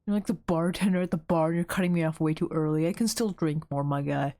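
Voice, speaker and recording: A woman's voice: low-pitched, quick pace, warm tone. A young woman streaming a game, talking in a playfully dramatic way and making mock threats at her chat. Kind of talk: gaming livestream commentary.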